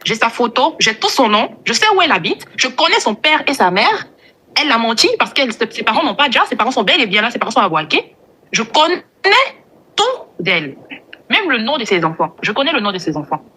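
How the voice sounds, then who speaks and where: A woman's voice: fairly high pitch, very animated, fairly quick, sharp tone, husky. A woman caller from Côte d'Ivoire with an Ivorian French accent, speaking indignantly and emphatically, often repeating words. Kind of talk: call-in on a live stream.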